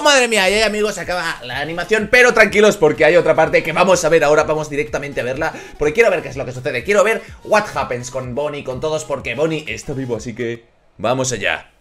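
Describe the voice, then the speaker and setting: A man with a Spain Spanish accent giving excitable reaction commentary as a YouTuber, exclaiming at the screen. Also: on the high side, fast, soft background music. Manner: animated, exclaiming and shouting at the screen.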